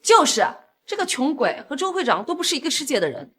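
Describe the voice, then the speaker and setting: A snobbish young woman, sneering and catty. Her voice sits high and swings in pitch, in a drama series. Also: sing-song, fast talker, a bit bright.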